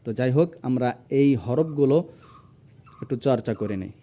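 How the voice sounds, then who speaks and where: A man's voice: mid-range voice, normal speed, warm tone. A man teaching Quran reading, patiently spelling out each letter and its vowel before sounding it. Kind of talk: slow spelled-out recitation lesson.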